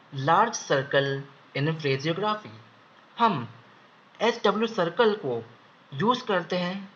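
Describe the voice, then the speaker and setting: A young man teaching shorthand step by step, slowly repeating each word several times as he draws it. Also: sits high, fairly bright tone. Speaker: shorthand instructor. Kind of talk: step-by-step lesson. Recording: slightly dull audio with faint background hiss.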